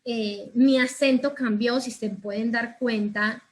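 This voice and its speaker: Earnest Colombian woman, slightly high voice. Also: fairly even intonation. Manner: earnest, slow and emphatic, repeating phrases. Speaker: guest speaker to school students. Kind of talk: personal testimony talk.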